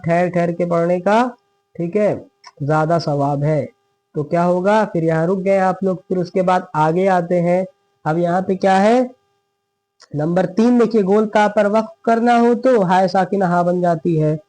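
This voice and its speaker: A man teaching Quran recitation, patient and repetitive, who asks and answers his own questions and slows to a drawn-out chant for example verses. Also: high voice, a little mellow, low-quality recording. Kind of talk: lesson.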